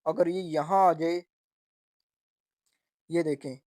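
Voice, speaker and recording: A man teaching textbook vocabulary, slowly repeating each word and its meaning. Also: on the high side, fairly even intonation, a little mellow, dry recording, clean studio sound. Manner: slow and repetitive, spelling out sounds and meanings. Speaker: language teacher.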